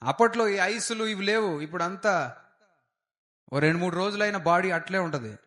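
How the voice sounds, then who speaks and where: Pastor, male, high voice, fervent sermon delivery that swells into loud declarations. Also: normal speed. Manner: fervent preaching with frequent hallelujahs, rising to loud declarations. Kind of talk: Easter sermon.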